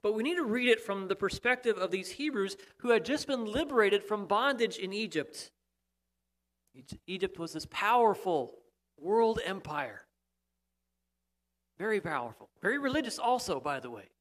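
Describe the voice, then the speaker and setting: Pastor preaching, fairly high voice. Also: male voice, lively intonation, normal speed, a bit bright. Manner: explanatory, emphatic at times, with restarts. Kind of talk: sermon.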